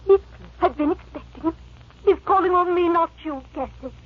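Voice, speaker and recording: A woman acting in a radio drama as an infatuated, defiant young gentlewoman, coy and petulant. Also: very high voice, normal speed. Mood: smug, coy. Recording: muffled, noisy vintage radio recording.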